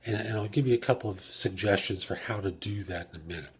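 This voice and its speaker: A man with a lowish, breathy-edged voice talks fast. He hosts a career advice podcast on his own as a job search coach, laying things out step by step and posing rhetorical questions that he answers.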